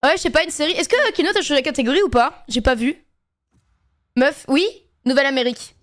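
A woman's voice: high voice, expressive, fast talker, a bit bright. A young woman streaming a game, chatting casually and laughing with friends. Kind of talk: casual gaming chat with friends.

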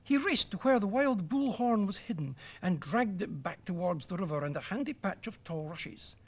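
A British man reading a children's story aloud in a lively, expressive way. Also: sits high, moderate pace, breathy edge.

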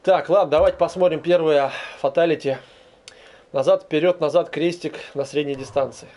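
A young man with a fairly high voice casually commentates his own gameplay. He talks in an informal, slangy mutter, with faint noise and game sound behind him. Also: fairly even intonation, moderate pace, darkish tone. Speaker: gamer commentating own play. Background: fighting game sounds.

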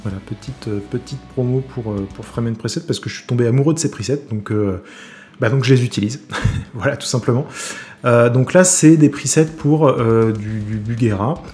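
A man walks viewers through a guitar tutorial in a loose, chatty way. He fills pauses with hesitations and corrects himself mid-sentence, at an everyday mid pitch. Faint music sits low behind his voice. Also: darkish tone. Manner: chatty, many fillers and self-corrections. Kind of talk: casual screen-recorded tutorial.

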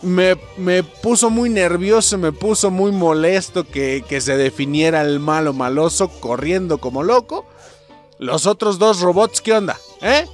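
A young Mexican man giving excited, swearing gameplay commentary and talking straight to his viewers. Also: high voice, measured pace, faint music behind. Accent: Mexican Spanish. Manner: animated, swears often, keeps addressing viewers as "muchachos". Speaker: gameplay streamer.

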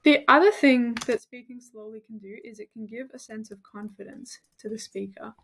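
A woman from Australia working as a tutor, giving an explanatory study-tips lesson in a clear, methodical way and showing emphasis with her own voice. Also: on the high side, moderate pace.

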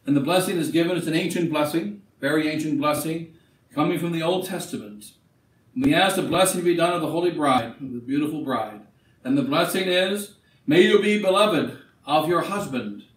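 Preaching man, echoey chapel. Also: a little high. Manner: declamatory preaching, rising and falling, with quieter practical asides. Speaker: bishop. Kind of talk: wedding sermon. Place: small chapel at an altar, indoors. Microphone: far camera. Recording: echoey room from a distant camera, faint hiss.

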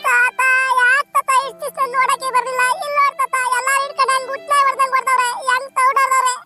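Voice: very high-pitched, steady tone, very fast, loud music behind the voice. A voice actor playing a heartbroken young village woman in a cartoon comedy, pleading tearfully with her grandfather.

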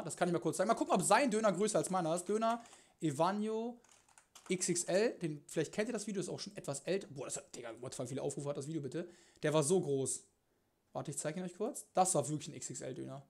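A young man chatting casually on a live stream from his home kitchen, slangy and crude, swearing freely and swinging between mumbles and loud bursts. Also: on the high side. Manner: excitable, jumps between mumbling and loud outbursts.

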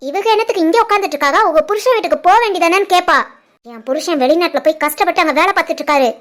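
A woman doing a very high, bitter village sister-in-law. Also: racing, a bit bright. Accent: southern Tamil Nadu village dialect. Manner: complaining, insistent and bitter. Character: sharp-tongued scheming young village woman, sister-in-law. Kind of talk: animated family drama voice acting.

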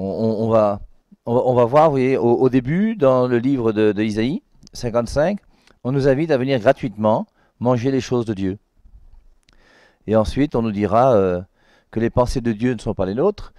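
With a low, dark voice and no echo around him, a priest talks through the Sunday Bible readings in a conversational way. He reads scripture slowly and with emphasis, repeats words, and frequently adds "hein."

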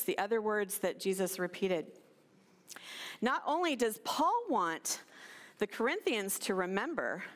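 A woman with an American accent giving a guest sermon in a church, talking conversationally and addressing the children and congregation directly. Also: mid-range voice. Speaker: guest preacher. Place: church sanctuary. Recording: long hall reverb in a church.

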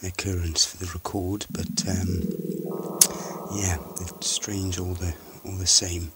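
A man whispering a comic podcast segment from a cupboard in a hushed, deadpan way. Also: low voice, slow, slight background noise.

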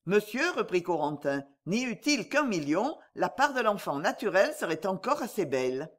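A woman voicing a cool, calculating male agent in an audiobook, who sounds smooth and reassuring. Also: medium pitch, big pitch swings, normal speed. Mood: calm scheming. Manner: smooth, reassuring, coolly persuasive.

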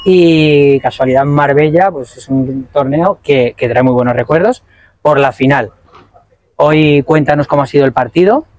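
A man's voice: fairly high pitch, normal speed, a little mellow. A man in his forties hosting a padel vlog, interviewing a player outdoors at a tournament with a handheld mic, upbeat and prompting. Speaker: vlogger and interviewer.

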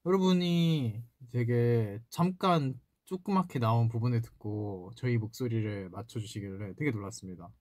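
A young man in his twenties, an idol singer, chats playfully on a solo livestream, reading and answering fan comments while seated at a desk in a small indoor room. His voice is medium-pitched and a little mellow, at a moderate pace with hardly any pauses. The recording is dry.

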